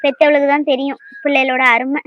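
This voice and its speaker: A woman's voice: sits high, level tone, fast talker, muffled recording, slight background noise, close to an everyday voice. A woman voicing a worried older mother in a cartoon, lamenting and complaining in long sighing runs. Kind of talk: cartoon voice acting.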